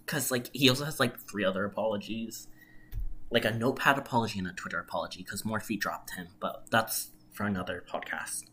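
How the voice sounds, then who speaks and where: With a low voice and a sharp tone, a podcast co-host talks a little fast, laying out opinions casually, emphatically, and with slang. They are a non-native English speaker, and the recording carries clear background noise.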